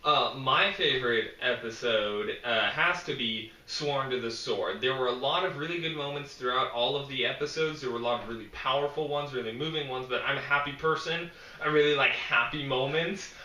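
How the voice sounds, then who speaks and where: A man co-hosting a casual fan discussion, upbeat, laying out his points with steady pauses. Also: medium pitch, roomy sound, distant mic. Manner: upbeat, measured, explains with lists and pauses. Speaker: podcast co-host.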